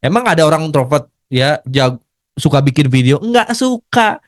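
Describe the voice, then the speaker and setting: High-voiced man, earnest pep talk. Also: very animated, moderate pace, no room sound, studio quality. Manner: earnest, repetitive, conversational. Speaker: network marketing business leader. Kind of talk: motivational business talk.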